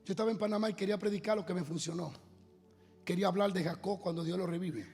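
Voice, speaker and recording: High gravelly guy preaching, gets shouty and singsong, long hall echo. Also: fast. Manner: builds to loud, sung shouting. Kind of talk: sermon. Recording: long hall reverb, faint music.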